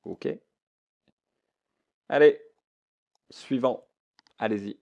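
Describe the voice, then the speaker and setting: Man, French teacher, classroom lesson, repeats words, slow delivery. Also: medium pitch, creaky, a little mellow. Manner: repeats each word slowly, mixes French with English explanations.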